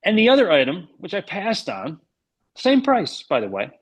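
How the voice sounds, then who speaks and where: A man's voice: sits high, wildly swooping pitch, normal speed, husky. A man in his thirties chatting casually as a podcast guest, joking and rambling through anecdotes. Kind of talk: casual sports chat, anecdotes.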